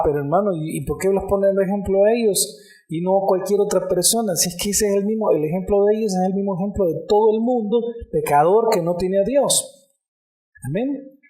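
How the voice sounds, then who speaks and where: High-voiced man preaching in an echoey church. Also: a little mellow. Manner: preaching with frequent "amén" and direct address to the congregation. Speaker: pastor. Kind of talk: sermon.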